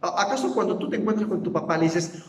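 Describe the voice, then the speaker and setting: Male pastor, relaxed joking sermon, slightly high voice, distant roomy church sound. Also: fast. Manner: conversational, jokey preaching with acted-out prayers. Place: church hall.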